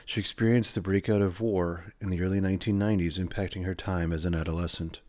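A man with a low voice hosts a podcast, reading sponsor spots and a guest introduction before easing into conversation. He speaks in a close, dry sound and leans on ums and uhs when talking off script. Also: fairly even intonation, quick pace, darkish tone, no echo. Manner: hesitant, many fillers in conversation. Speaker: podcast host.

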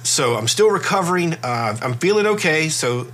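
A middle-aged man hosting a podcast in a relaxed, conversational way, his voice congested and stuffy from a cold. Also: on the high side, normal speed. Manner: relaxed, conversational, with fillers and restarts. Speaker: podcast host. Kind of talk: casual podcast talk.

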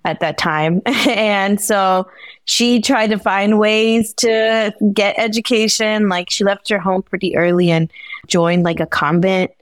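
A woman's voice: mid-range voice, fairly even intonation, slow pace, no room sound. A young woman from the Bay Area, a podcast guest talking casually, laughing often and using lots of fillers. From San Francisco Bay Area. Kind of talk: casual interview talk.

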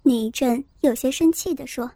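High, mellow woman narrating a story. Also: moderate pace, dry recording, studio quality. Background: faint music.

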